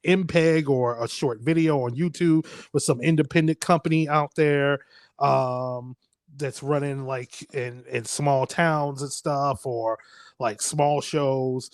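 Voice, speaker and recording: A man's voice: medium pitch, steady tone, slow pace, no room sound. A man, hosting a casual podcast chat, rambling, laughing often and swearing freely. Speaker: podcast host.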